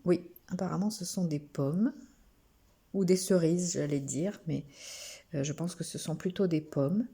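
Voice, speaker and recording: Brief: French woman, spiritual card reader, unhurried and hesitant, soft mellow lowish voice. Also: husky. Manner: slow, gentle, with frequent hesitations and restarts. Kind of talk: oracle card reading to camera.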